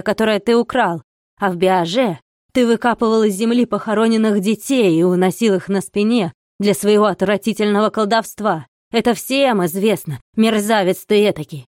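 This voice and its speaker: A woman reading an audiobook voices a furious, fanatical male monk who shouts curses and accusations. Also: mid-range voice, dry recording, studio quality, close to an everyday voice.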